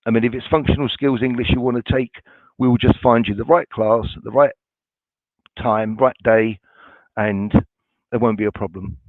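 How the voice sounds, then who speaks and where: Speaking at a normal speed with a steady tone, a man with a mid-range voice fields webinar questions for his college. He's casual and reassuring, stumbling through many ums and restarts, and the dry recording sounds tinny and phone-like.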